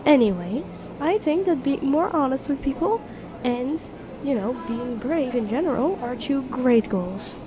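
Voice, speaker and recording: In an intimate, one-sided roleplay, a woman plays a sweet young best friend with a secret crush, speaking gently, earnestly and encouragingly, conversational with soft hesitations. Her high, expressive voice moves at a measured pace, sounding supportive and thoughtful over music. Coffee shop crowd chatter fills the background.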